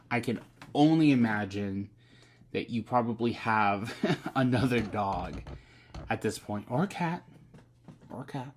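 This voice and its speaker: A man who writes novels, talking casually to his future self in a rambling way, with many fillers and restarts. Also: lowish voice.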